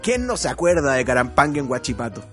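A man's voice: medium pitch, big pitch swings, fast talker, a bit bright, faint music behind. A man with a Chilean accent talking football nostalgically, with enthusiastic exclamations and firm opinions. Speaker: football show presenter.

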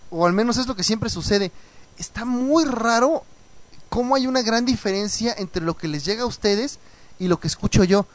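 A man hosting a radio show, chatting casually and reading listener messages with animated, mocking asides, troubled by a cough. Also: high-pitched, normal speed. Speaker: radio host. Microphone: studio mic with headphones.

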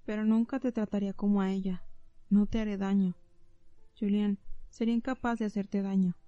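A woman voicing a brooding, controlling male professor in an audiobook, speaking in a low, earnest way. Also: little pitch movement, a little fast, dark tone, no room sound, highs cut off, natural voice.

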